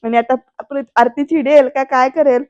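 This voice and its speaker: A woman's voice: sits high, fairly even intonation, moderate pace, darkish tone, clear, resonant tone, dry recording, dull audio. A woman narrating a chatty voice-over recap of a TV serial episode who addresses the viewers directly.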